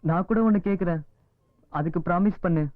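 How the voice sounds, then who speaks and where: A man's voice: sits high, brisk, dry recording, natural voice. A man dubbing a devoted, desperate teenage schoolboy in film dialogue, speaking in an earnest, pleading way. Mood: hopeful. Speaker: dubbing actor. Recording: tinny lo-fi film audio with music score.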